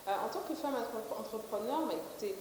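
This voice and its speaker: A Belgian woman in her twenties, a company director, gives hesitant interview answers full of fillers and restarts. Her voice sits on the high side with a darkish tone, lively intonation and a fairly quick pace. The room is echoey, with roomy reverb and a faint hiss.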